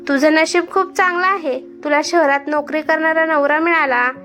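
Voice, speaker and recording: A woman reading as a sharp-tongued discontented young wife. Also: high-pitched, steady tone, normal speed, soft background music. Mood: complaining. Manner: scornful, complaining.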